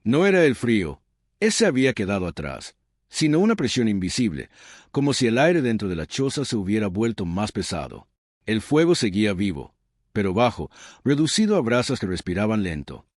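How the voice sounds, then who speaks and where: Deep, solemn male storyteller. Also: sing-song, moderate pace, a little mellow, no echo, studio quality. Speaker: narrator. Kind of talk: scripted dramatic narration.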